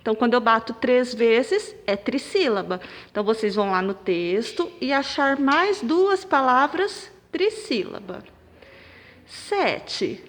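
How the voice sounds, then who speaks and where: Slow, lively woman teaching syllables. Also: a little high. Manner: slow, clapping out syllables and stressing them loudly. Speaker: primary school teacher. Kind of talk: recorded remote lesson for children. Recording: long reverb, room echo.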